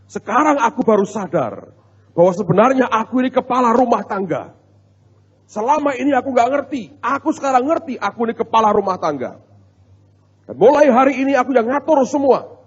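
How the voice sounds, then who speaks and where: A male preacher voicing a bossy husband who lays down the rules to his wife, in a husky voice. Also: extremely high pitch, expressive, brisk, big-room sound, highs cut off, voice pushed up, full character voice. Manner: domineering, lecturing.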